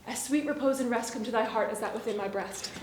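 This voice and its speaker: A woman's voice: on the high side, fast talker, echoey room, a crowd in the background, lightly acted. A woman playing a lovestruck, playful, eager young maiden in theatrical Shakespearean verse. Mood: tender. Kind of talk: theatrical Shakespearean stage acting.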